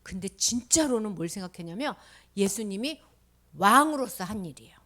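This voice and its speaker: A woman telling a Bible story to children in an animated way, often dropping to a whisper. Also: medium pitch, moderate pace. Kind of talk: children's sermon.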